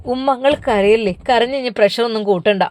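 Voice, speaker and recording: A woman voicing a gentle Malabar daughter. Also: fairly high pitch, a little fast, no room sound, close to an everyday voice. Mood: soothing. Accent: Malabar Malayalam. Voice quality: soft, soothing. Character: gentle pregnant young daughter. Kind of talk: storybook narration.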